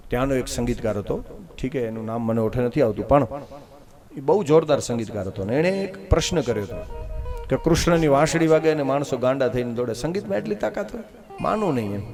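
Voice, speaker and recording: Guy preaching a katha, goes quiet then loud, mid pitch, soft music under. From Kutch, Gujarat. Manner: dramatic storyteller, swinging between hushed and loud. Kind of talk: devotional storytelling sermon. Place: open-air katha stage before a crowd.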